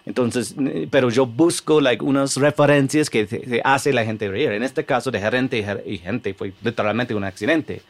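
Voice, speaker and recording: A comedian from the United States speaks with a clear American accent in a relaxed podcast chat. He searches for words, restarts his sentences and drops in English fillers like "like" and "you know." His voice sits at an ordinary middle pitch for a man. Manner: explains his comedy method in halting Spanish, mixing in English fillers. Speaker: comedian guest. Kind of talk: casual podcast conversation.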